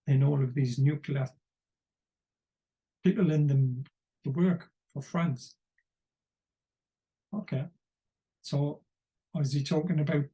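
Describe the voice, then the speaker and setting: Mellow-voiced man rambling through politics. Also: on the high side. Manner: rambling and wry, pausing to search for words. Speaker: political commentator. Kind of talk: unscripted political commentary.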